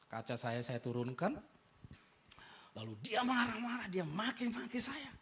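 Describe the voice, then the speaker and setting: A male pastor delivering a sermon, telling a story with dramatic swings from hushed to impassioned. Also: sits high, very animated, a little slow. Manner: dramatic, moves from soft hushed tones to loud impassioned climaxes.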